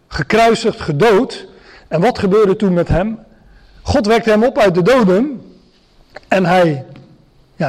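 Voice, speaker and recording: Male preacher, high voice, teaching sermon, halting delivery with many fillers. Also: a little mellow. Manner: explanatory, many hesitations and restarts.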